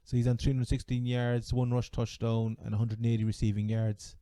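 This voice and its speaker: Dark-voiced Cork Irishman talking sport. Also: medium pitch, level tone, no room sound, studio quality. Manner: halting, rambling delivery with repeated words. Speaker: podcast host. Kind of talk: casual fantasy American football chat.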